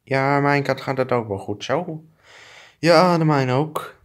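A man's voice: mid-range voice, takes it slowly, natural voice. A man improvising a comic fan dub of two clumsy adult male neighbors who bicker, trading crude insults and swearing. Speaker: fan dubber.

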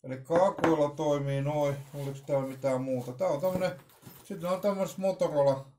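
In an echoey, roomy recording from a small room at home, a middle-aged man casually unboxes something for his vlog, hesitant and rambling, repeating words often. His voice is on the high side, steady and mellow, with slight background noise.

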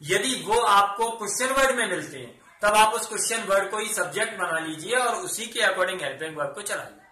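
In an echoey room, a man with a high, very bright voice gives a Hindi-English grammar lesson. He is animated and fairly quick, working through each step by posing questions and answering them himself.

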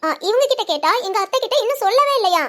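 A woman's voice: extremely high pitch, animated, fast, pushed and bright, exaggerated voice. A woman voicing a young pregnant married daughter in a cartoon family drama, who pleads earnestly and worries on the phone. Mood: anxious.

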